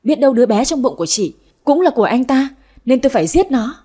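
A shrill, spiteful young wife in a family drama storybook, as a woman narrator puts her on. She shrieks and accuses in a frantic rush, her voice high and breathy. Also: sing-song, fast, dark tone, heavily acted. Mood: bitter.

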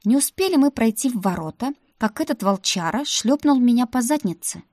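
A woman narrating a first-person fantasy audiobook in a wry, lively storytelling manner. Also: a little high, fairly quick, no room sound, clean studio sound.

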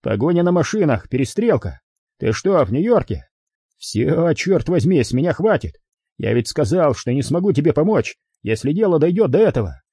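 A man's voice: a little high, sing-song, moderate pace, dark tone, breathy edge, no echo, clean studio sound, pitched above the performer's own voice, heavily acted. A man voicing an exasperated, fearful police inspector who protests and argues.

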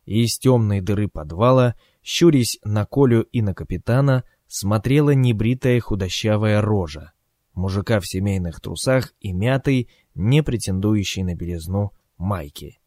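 A man narrating a story in an ironic, expressive way, as an audiobook. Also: on the low side, normal speed, dry recording, studio quality.

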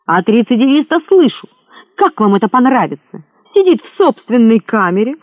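A man voicing an impulsive, hot-tempered adventurer who talks in an excitable, indignant way. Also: extremely high pitch, moderate pace, no room sound, exaggerated voice. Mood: furious. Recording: thin phone-like sound, dry.

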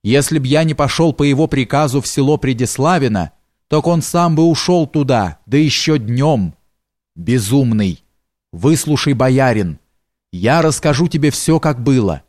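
A man's voice: mid-range voice, darkish tone, no echo, studio quality, lightly acted. A man voicing a frightened, superstitious male servant who stammers and exclaims in fright in a storybook reading.

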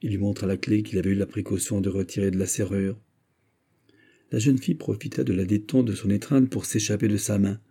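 A man reading a literary story aloud in a measured, steady audiobook narration with a husky voice. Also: lowish voice. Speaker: audiobook reader.

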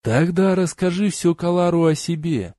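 A man's voice: on the high side, animated, moderate pace, dark tone, no echo, clean studio sound, voice pushed up, close to an everyday voice. A man reading an audiobook, voicing a sympathetic young male friend in a concerned, reassuring manner.

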